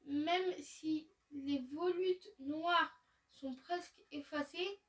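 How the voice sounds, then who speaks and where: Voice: high voice, steady tone, very slow, a bit bright, distant mic, full character voice. A gamer reading aloud the lines of a friendly young female researcher in a video game.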